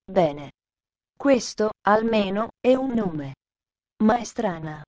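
A woman's voice: medium pitch, lively intonation, takes it slowly, darkish tone, no room sound, dull audio. Woman reading as a stern, scolding governess. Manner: severe, scolding questions. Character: stern strict middle-aged female governess.

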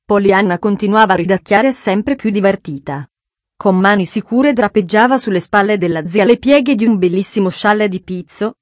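A woman's voice: medium pitch, no echo. Woman narrating a storybook, dry close sound. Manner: measured, expressive storytelling. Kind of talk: audiobook narration.

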